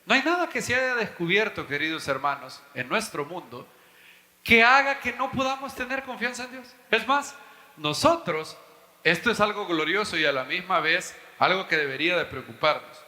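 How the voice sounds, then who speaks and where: A man's voice: high-pitched, expressive, moderate pace, pushed and bright, roomy sound, big-room sound. A man preaching a teaching sermon to his congregation, emphatic, his voice leaping up to stress points. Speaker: pastor and Bible teacher.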